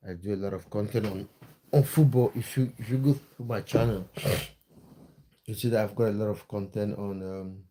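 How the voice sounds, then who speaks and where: Low mellow-voiced man chatting. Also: steady tone, normal speed, a little hiss or hum. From Cameroon. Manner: chatty and friendly, with many fillers and hesitant restarts. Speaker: live-stream host and football content creator. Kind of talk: casual live-stream chat reading viewer comments.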